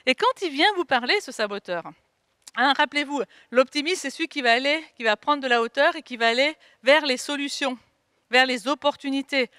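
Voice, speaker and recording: A woman leading an online workshop as a wellness coach, asking lively rhetorical questions and checking in with her listeners. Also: sits high, brisk, no room sound, clean studio sound. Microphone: video call.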